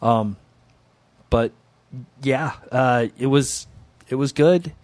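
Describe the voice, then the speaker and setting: A man's voice: mid-range voice, slow pace, darkish tone, no echo. A man co-hosting a comics podcast, recapping issues and giving opinions with hesitant, repeated words. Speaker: podcast co-host. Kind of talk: casual comic book recap.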